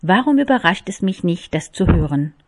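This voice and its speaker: A woman reading aloud, voicing a cold, mocking male army lieutenant who interrogates slowly and scornfully. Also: on the low side, natural voice. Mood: icy. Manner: icy, scornful, deliberate.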